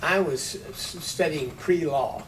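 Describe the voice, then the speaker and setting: A man in his nineties from Texas, telling stories from his life in an unhurried way with dry humor in an oral history interview. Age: 90s. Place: office with large windows. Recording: distant mic, rumbling noise.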